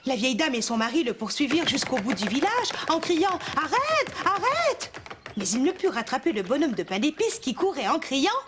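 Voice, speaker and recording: A woman with a Quebec French accent reading a children's story aloud as a mother, with animated expression, in a kids' cartoon. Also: sits high, a little fast, hardly any pauses, heavy background noise.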